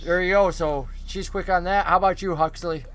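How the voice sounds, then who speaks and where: Higher-voiced man running a tabletop game. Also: fairly even intonation, fairly quick, a bit bright, slight background noise. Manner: conversational, descriptive. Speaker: game master. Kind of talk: improvised tabletop game narration.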